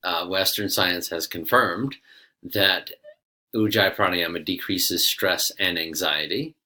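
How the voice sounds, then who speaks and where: A man giving methodical yoga breathing instruction as a teacher, explaining and guiding in a measured way. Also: low-pitched, pushed and bright. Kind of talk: instructional explanation with guided counting.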